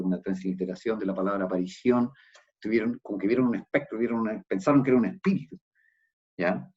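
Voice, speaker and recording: A pastor with a Chilean Spanish accent preaches in church, explaining the passage and repeatedly checking in with the congregation. His voice is low, husky and a little mellow, and the recording sounds dull and lo-fi.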